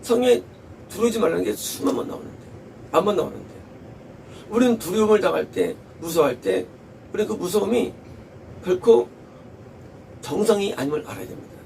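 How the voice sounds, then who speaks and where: High, gravelly-voiced man preaching. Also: brisk, pauses often, warm tone, recorded from a distance, slight background noise, poor audio. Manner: emphatic, repeats key phrases, asks rhetorical questions. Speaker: pastor. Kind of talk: sermon.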